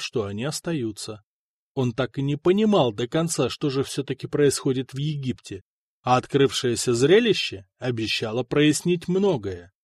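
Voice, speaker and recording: A man's voice: mid-range voice, no echo. Male audiobook narrator, dry close sound. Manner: steady, dramatic reading. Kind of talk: scripted narration.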